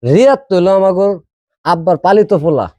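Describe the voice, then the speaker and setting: A man's voice: high-pitched, big pitch swings, fast, mellow, no echo. A man playing a scheming elder son who wheedles his father for property, speaking. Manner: wheedling, plotting.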